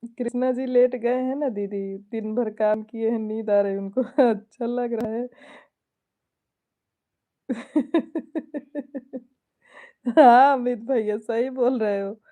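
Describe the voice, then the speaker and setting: Speaking slowly and pausing often, this woman has a fairly high voice with a dark tone and steady delivery. She's a folk singer from Awadh chatting on a live stream in Awadhi-tinged Hindi, reading viewer comments, chuckling a lot and exchanging devotional greetings.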